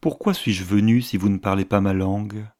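An earnest young gentleman who asks urgent, pressing questions, read by a man. The low voice stays close to the reader's own in this storybook reading. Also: fairly even intonation, normal speed, close to an everyday voice.

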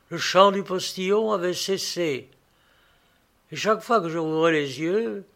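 A man reading a literary story aloud in a measured, even storytelling manner. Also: fairly high pitch. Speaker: narrator.

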